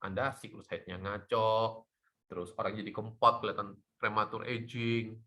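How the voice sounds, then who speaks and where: Man, middle-aged, doctor, bright forceful voice, animated talk show explaining. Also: fairly low pitch, moderate pace. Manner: lively, animated explaining with laughs. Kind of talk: talk show health chat.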